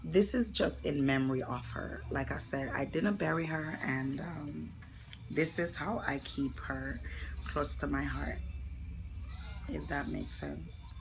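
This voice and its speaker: A young woman telling a personal story on her vlog, soft and halting, often slipping into a whisper, earnest and tearful. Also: deep voice, animated, low-quality recording. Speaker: vlogger.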